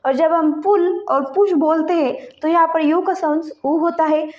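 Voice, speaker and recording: A woman teaching an English pronunciation lesson, slowly listing example words one by one. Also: extremely high pitch, fairly even intonation, a little mellow, highs cut off.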